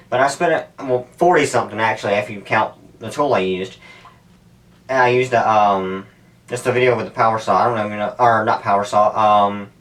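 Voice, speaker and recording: A stunt YouTuber chats to camera in a loose, rambling way, swearing freely and hopping between ideas while he sits in an ice bath at home. He has a mid-range, slightly bright voice. The recording is distant camera audio, off-mic.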